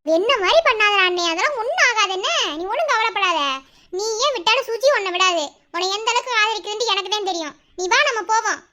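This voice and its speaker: A woman voicing a bossy, teasing young college woman in a cartoon, loud and scolding. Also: lively intonation, fast, full character voice. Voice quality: very high, bright voice. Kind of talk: animated cartoon voice acting.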